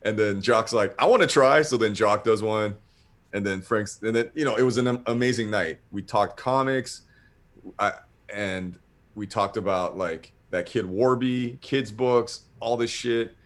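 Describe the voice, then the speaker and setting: A man's voice: fairly low pitch, a little slow. A man casually telling a long story, rambling and swearing, acting out what people said. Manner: rambling, profane, animated retelling with acted-out quotes.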